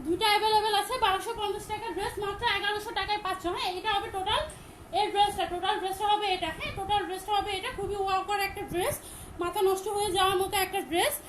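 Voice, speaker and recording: Loud, fast woman selling dresses live. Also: a little hiss or hum, poor audio. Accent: Bangladeshi Bengali. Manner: loud, repetitive sales pitch. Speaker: online shop seller. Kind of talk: live-stream product selling.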